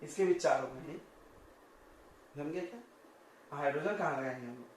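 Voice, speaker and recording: A male coaching-class teacher giving a chatty chemistry lesson, joking with his students and firing quick questions at them. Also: on the high side, a little hiss or hum. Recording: very echoey classroom, distant mic.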